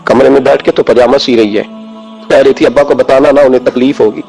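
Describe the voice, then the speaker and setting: A preacher voicing a soft-spoken grieving mother. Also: medium pitch, fairly even intonation, creaky, soft background music, voice pushed down, natural voice, poor audio. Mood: pleading. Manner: soft pleading explanation. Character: gentle grieving mother, the caliph's wife.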